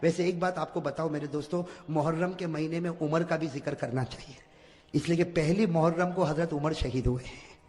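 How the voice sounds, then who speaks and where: High-voiced preacher shouting in a hall. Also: male voice. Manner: dramatic, swings from hushed to shouting, urges the crowd to repeat. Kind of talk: sermon storytelling. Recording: long hall reverb.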